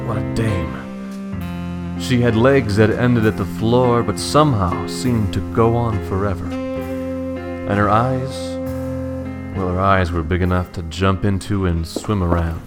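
A man playing a hard-boiled space detective. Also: on the low side. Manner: dry, flirtatious, world-weary. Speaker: narrator and lead character. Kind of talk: noir detective narration.

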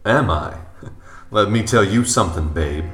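A man's voice: lowish voice, animated, measured pace, fairly bright tone, soft background music. An actor playing a world-weary, wisecracking male space detective who narrates in noir style and flirts with his client. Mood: flirtatious. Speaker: narrator and lead character.

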